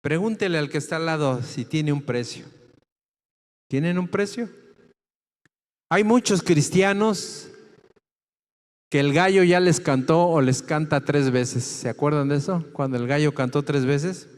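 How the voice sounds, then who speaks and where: A pastor preaches slowly and deliberately, stressing each word and asking the congregation questions. His voice sits a little high for a man. Long reverb from the church hall trails behind him. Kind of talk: sermon.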